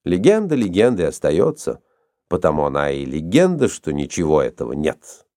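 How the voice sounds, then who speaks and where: A man reading a storybook, voicing a cool, sceptical older expert who speaks calmly and drily. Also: rumbling low, dry recording, voice pushed down, full character voice. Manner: calm, dry, measured.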